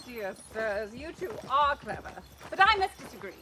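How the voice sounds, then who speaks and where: A woman's voice: on the high side, sing-song, moderate pace, bright, forceful tone. An actress playing a cheerful, spirited young noblewoman who talks in a bubbly, playful and eager way in an outdoor stage play. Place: outdoors on a farm. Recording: noisy outdoor stage recording.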